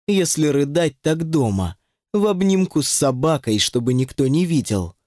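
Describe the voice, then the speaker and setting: Male narrator for a novel audiobook: lively, expressive storytelling, dry studio sound. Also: on the high side, moderate pace, no echo. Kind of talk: scripted narration.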